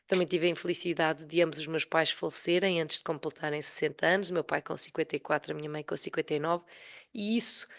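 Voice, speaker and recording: Low-voiced Portuguese woman recovering from flu. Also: steady tone, fast talker. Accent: European Portuguese. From Portugal, Sintra area near Lisbon. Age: 40s. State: voice affected by a cold, recovering from flu. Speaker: podcast guest, retired corporate finance executive. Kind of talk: personal storytelling in a casual interview.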